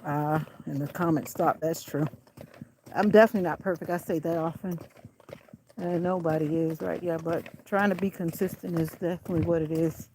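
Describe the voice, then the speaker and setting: A woman's voice: low-pitched, steady tone, moderate pace, dark tone, a little hiss or hum, rough recording. Breathless woman walking outdoors. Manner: chatty, out of breath, encouraging. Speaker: vlogger. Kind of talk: casual walking vlog. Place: outdoors on a country road. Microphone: handheld camera while walking.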